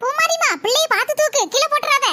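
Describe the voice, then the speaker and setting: A performer voicing bickering small village children in a cartoon, with a Tirunelveli-Kanyakumari Tamil accent and a shrill, teasing manner. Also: fast talker, sharp tone. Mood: squabbling. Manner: shrill, squabbling, teasing banter. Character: bickering small village kids, boy and girls. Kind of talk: cartoon voice acting. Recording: noisy cartoon audio.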